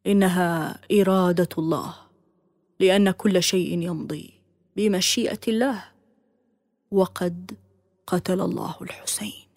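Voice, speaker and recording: A woman's voice: on the low side, steady tone, unhurried, long pauses, no echo, studio quality. A woman voicing an arrogant, cruel tyrant governor. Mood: scheming. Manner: scornful, bursts into angry shouts.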